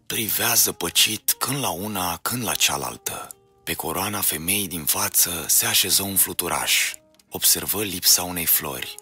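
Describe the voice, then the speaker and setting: A man narrating a children's fairy tale in a measured, expressive storytelling style. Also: deep voice, husky, soft background music.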